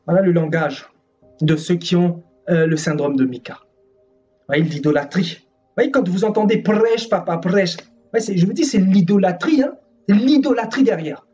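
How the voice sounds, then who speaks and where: A man's voice: sits high, moderate pace, dark tone. A man preaching a sermon in a fervent, scolding way, repeating his phrases for emphasis. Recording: distant dull sound with music.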